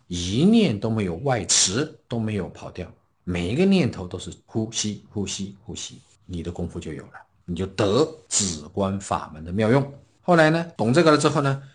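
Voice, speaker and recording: A man giving a Buddhist dharma talk, explaining scripture and telling stories, often acting out the people he quotes. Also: fairly low pitch. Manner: storytelling, acting out quoted speakers with lively swings. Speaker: Buddhist teacher.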